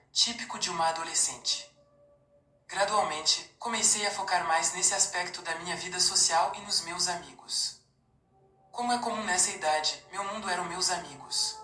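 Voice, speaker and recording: Brief: forty-something woman, calm and measured, bright forceful tone, low-set voice, telling a personal testimony. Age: 40s. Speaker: testimony narrator. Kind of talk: scripted first-person testimony narration. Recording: roomy recording with faint music behind.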